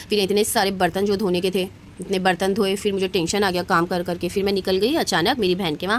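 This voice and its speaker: A young woman narrates her day for a vlog, talking quickly and chattily straight to her viewers. Her pitch sits in the middle of the range, and a faint hum of noise runs behind her voice. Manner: chatty and animated, addressing viewers directly. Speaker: vlogger. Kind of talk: casual vlog voice-over narration.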